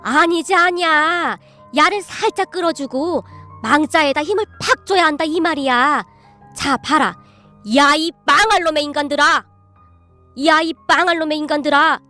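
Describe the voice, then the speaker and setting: A woman voicing a stern old grandmother-in-law who drills her family in scolding, with slow, drawn-out commands. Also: sits high, pushed and bright, faint music behind. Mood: commanding.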